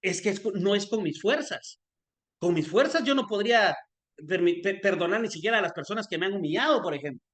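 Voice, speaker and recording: Preaching a story of forgiveness, a high-voiced man speaks in an earnest, conversational way, often stumbling and restarting mid-sentence. His delivery is brisk and a bit bright, with lively intonation.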